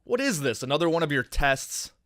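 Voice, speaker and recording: A low voice that swoops up and down, belonging to a married man on trial, played by a woman. He sounds flustered and defensive, exasperated by the charges in a comic radio sketch. His pitch leaps when he protests. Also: sing-song, fairly quick, fairly bright tone.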